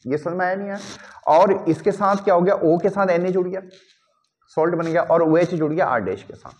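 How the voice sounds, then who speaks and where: Chemistry teacher guy, fairly high voice, keeps going "samajh me aaya?", drops english bits in. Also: a little fast. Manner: keeps checking if students understand; mixes in English phrases. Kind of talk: classroom lecture.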